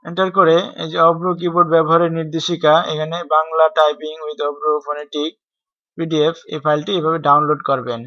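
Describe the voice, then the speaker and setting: A man's voice: on the high side, little pitch movement, fairly quick, no echo. A man gives a screen-recorded typing tutorial, explaining step by step and spelling out keys letter by letter. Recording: dry, dull lo-fi home recording.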